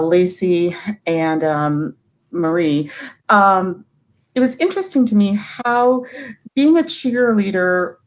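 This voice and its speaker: A woman's voice: on the low side, rough recording. A woman writer moderating a post-film Q&A, hesitant, with many fillers and repeated words.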